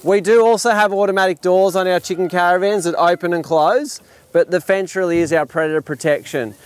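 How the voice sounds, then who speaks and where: A man's voice: sits high, fairly even intonation, a little fast, clear, resonant tone. A man in his thirties with an Australian accent, showing visitors around his farm outdoors, talking with enthusiasm and frequent restarts, recorded by a camera at a distance. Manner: enthusiastic, explanatory, with fillers and restarts. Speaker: farm owner giving a tour. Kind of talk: outdoor demonstration talk. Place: open paddock outdoors.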